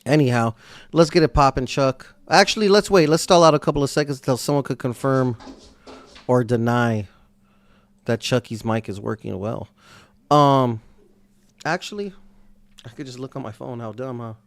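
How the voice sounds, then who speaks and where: A male host runs a live online interview in a loose, upbeat manner. He peppers his questions with slang. His voice sits at a medium pitch. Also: normal speed, long pauses, no echo. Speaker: show host.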